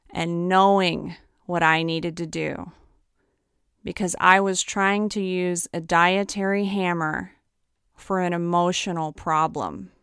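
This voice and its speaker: A woman's voice: lowish voice, a bit bright, smooth, dry recording. A woman nutritionist telling a personal story in an earnest, candid way, close to the mic. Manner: earnest, candid, emphatic at times. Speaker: nutritionist sharing her story.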